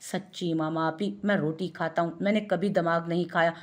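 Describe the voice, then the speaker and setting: A boastful young joker who never stops teasing his cousins, his lines playful and mocking, read out by a woman. The voice sits a little low. It is heard in a narrated audio story. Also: steady tone, normal speed, lightly acted.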